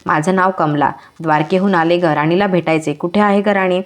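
In a storybook tale, a frail old beggar woman speaks in a soft, slow voice, low-pitched and unhurried, as a woman narrator puts her on. She coughs now and then as she talks. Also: fairly even intonation, close to an everyday voice. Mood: pleading.

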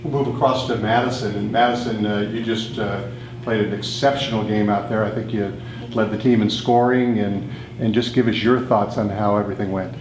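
A man moderating a press conference, asking halting, measured questions with fillers. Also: on the low side, steady tone, roomy sound, a little hiss or hum, low-quality recording.

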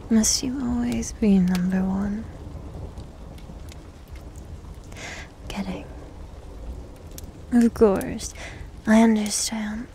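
Close to the microphone, a woman whispers breathily through an intimate ASMR roleplay as a needy, teasing, doting succubus demon servant. Her coy delivery is slow and drawn-out, in a fairly high pitch with a dark tone, over slight background noise.

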